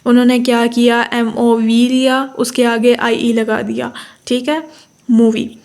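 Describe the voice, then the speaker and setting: Steady Pakistani woman teaching, flat tone. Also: a little high. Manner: repeats terms and checks with "theek hai?"; reads English definitions slowly. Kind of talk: explanatory lecture.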